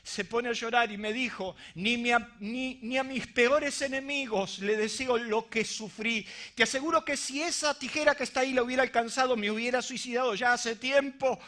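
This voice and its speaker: A middle-aged man with a Rioplatense Spanish accent preaching a sermon to a congregation, swinging from shouts to hushed lines. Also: very high voice, normal speed, hardly any pauses.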